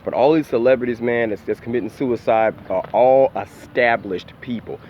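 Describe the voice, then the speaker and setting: A man's voice: medium pitch, normal speed, highs cut off, a little hiss or hum. Breathless man ranting on a walk. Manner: rambling, profane, slangy street talk. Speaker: YouTube opinion commentator. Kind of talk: casual opinion vlog. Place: outdoors on a morning walk.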